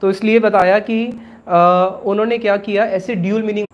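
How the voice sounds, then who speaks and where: High-voiced man teaching a scripture class. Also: flat delivery, fairly quick, highs cut off, slight background noise. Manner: explains with questions he answers himself; casual Hindi mixed with English words. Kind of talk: religious class lecture.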